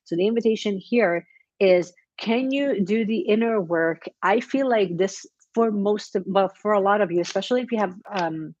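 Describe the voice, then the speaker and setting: A woman's voice: mid-range voice, moderate pace, darkish tone, no echo, highs cut off. A woman giving a casual weekly tarot reading, chatty and encouraging, with plenty of fillers and restarts. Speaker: tarot reader.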